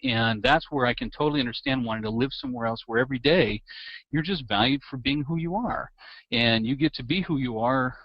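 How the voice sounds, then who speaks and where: A man hosting a podcast, telling a story with lively, laughing enthusiasm. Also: mid-range voice, a little fast, dry recording. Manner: lively, laughing anecdotal delivery. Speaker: podcast host. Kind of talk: animated storytelling in interview. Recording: dull, slightly lo-fi dry sound.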